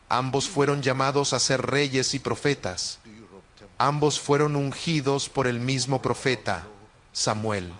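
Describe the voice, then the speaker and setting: A man's voice: mid-range voice, a bit bright. A man preaching a sermon, telling a personal testimony in an earnest, storytelling way.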